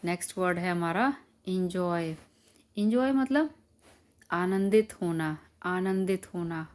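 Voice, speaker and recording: एक महिला शिक्षिका, जो बच्चों को धैर्य से शब्दों के अर्थ समझाती है और हर शब्द को धीरे-धीरे दोहराती है।. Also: female voice, fairly low pitch, lively intonation, darkish tone. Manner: repeats each word slowly, patient classroom explaining. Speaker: teacher. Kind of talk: explaining word meanings to children.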